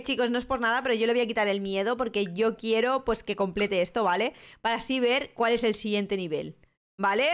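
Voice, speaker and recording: A woman's voice: a little high, fairly bright tone. A young woman with a Spain Spanish accent, chatting and laughing through a live game stream. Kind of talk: live gameplay commentary.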